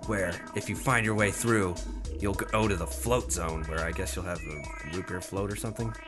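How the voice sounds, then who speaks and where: A man's voice: sits low, normal speed. Dry, jokey man over background music. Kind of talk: casual chat.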